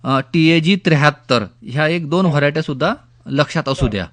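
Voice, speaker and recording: A man's voice: fairly high pitch, fairly quick, a bit bright. A man giving instructive advice on a radio phone-in, repeating key points. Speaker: agricultural expert guest on a radio phone-in. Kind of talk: spoken explanatory advice on radio.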